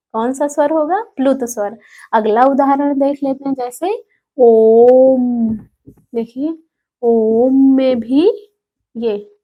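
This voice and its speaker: A woman teaching a grammar lesson, going slowly, repeating herself, drawing out example sounds and often checking with a rising "okay?". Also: on the high side. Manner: slow, repeats points, keeps asking "ठीक?" with a sharp rise. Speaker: Hindi teacher. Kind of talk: classroom-style grammar lesson.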